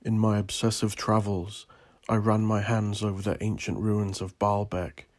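A man from Northern Ireland reads his own scripted story as its author, brooding, solemn, deliberate, and theatrical. His pitch is fairly low and his tone level.

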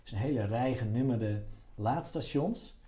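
The middle-aged doctor on this interview talks a little slowly in a mellow, mid-range voice. His casual explanations are full of restarted phrases and repeated words.

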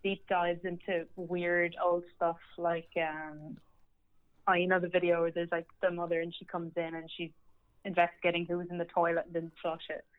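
A woman's voice: lowish voice, monotone, normal speed, clean tone. A young woman, a podcast guest and entertainment writer, chatting casually with plenty of fillers and laughs. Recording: slightly dull lo-fi audio.

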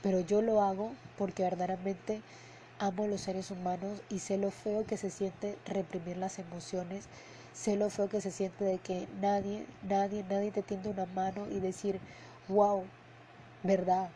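A woman's voice: medium pitch, little pitch movement, normal speed, warm tone, slight background noise, poor audio. A woman hosting a podcast as an emotional coach, talking in an earnest, heartfelt way, repeating words for emphasis and ending sentences with a questioning "no?". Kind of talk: casual spoken podcast monologue. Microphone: headphones and podcast mic.

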